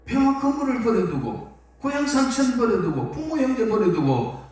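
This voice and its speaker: A man's voice: very high-pitched, wildly swooping pitch, normal speed, a little mellow, pitched above the performer's own voice, full character voice. A man voicing an anxious older male disciple who protests and pleads in stammering outbursts. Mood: pleading. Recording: echoey hall from far off.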